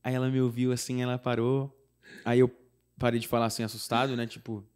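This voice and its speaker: This guest, a young Brazilian singer-songwriter, has a smooth mid-range voice and a brisk delivery. Chatting casually about something from his own life in a Brazilian Portuguese accent, he acts out the dialogue animatedly and fills his speech with "tipo" and "não sei o quê".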